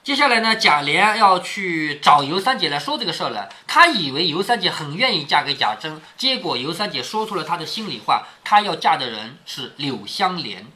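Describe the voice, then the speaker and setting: A man's voice: on the high side, very animated, fairly quick, few pauses, sharp tone. A man reading a classic novel aloud to his daughter, stopping often to explain it in a chatty way with frequent tag questions.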